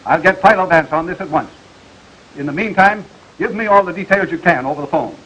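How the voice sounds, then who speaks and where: Brisk, fast-talking district attorney. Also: male voice, on the high side, sharp tone, husky. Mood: brisk reassurance. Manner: brisk, formal, commanding. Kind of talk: 1930s film acting. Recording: noisy 1930 film soundtrack.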